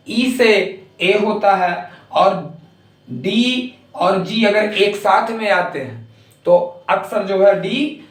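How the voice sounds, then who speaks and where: A man explains English spelling in a spoken Hindi lesson, his voice sitting high. He spells words out slowly and deliberately, letter by letter. The sound is roomy and a little distant from the microphone. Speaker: English teacher.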